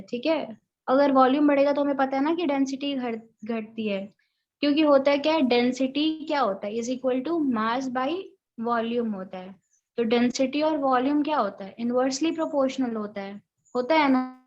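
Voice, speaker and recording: A woman's voice: high voice, normal speed. A woman teacher giving an online class over a call, checking with her students and using many fillers. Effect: heard over an online call. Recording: dull, lo-fi online call audio.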